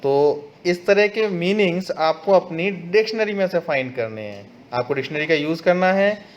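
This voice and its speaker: A man with an Indian accent teaching an English textbook lesson to schoolchildren. He reads the English lines slowly and explains them in Hindi mixed with English words. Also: sits high. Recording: slightly dull audio with faint background noise.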